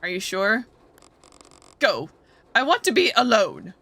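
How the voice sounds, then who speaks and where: A woman voicing a stiff, insecure ringmaster in a game who speaks slowly and formally, like a robot. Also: medium pitch, sing-song, sharp tone, heavily acted.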